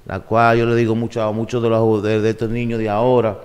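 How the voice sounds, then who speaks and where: Man in his forties, street-wise, relaxed talk, desk mic in a studio. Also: lowish voice, fairly quick. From Puerto Rico, raised in New York and the Dominican Republic. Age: 40s. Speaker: guest. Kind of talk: casual interview talk. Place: podcast studio. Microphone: desk mic on boom arm.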